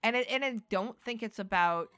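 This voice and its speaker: A woman's voice: on the high side, a little fast, bright, forceful tone, clear, resonant tone, dry recording. A woman co-hosting a casual podcast chat about a TV episode, chatty and laughing often. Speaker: podcast co-host.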